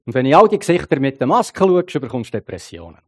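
A man's voice: mid-range voice, big pitch swings, quick pace. A middle-aged man preaching a sermon with a Swiss German accent, in a conversational way that keeps asking the listeners to agree. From Switzerland.

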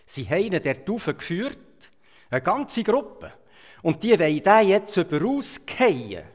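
A Swiss preacher with a Swiss German accent tells his sermon like a story, swinging from loud emphasis to quiet asides. His voice is a little high. The recording has the echo of a reverberant hall.

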